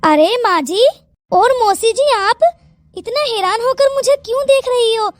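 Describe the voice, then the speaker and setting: A polite, sugary young daughter-in-law, voiced for a cartoon who hides a sharp side. Her voice is extremely high. The sound is dry and close. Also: measured pace, no echo. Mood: sweet. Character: two-faced young daughter-in-law, sweet on the surface. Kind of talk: Hindi cartoon voice acting.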